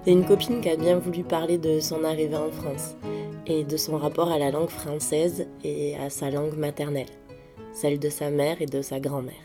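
A woman narrates from a script in a measured, reflective tone. Her voice sits low and stays flat in pitch. Loud plucked guitar music plays under her.

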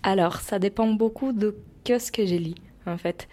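A woman's voice: medium pitch, moderate pace, mellow. A young woman of Brazilian origin answering interview questions casually, with many restarts and fillers. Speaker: interviewee, member of a cultural group.

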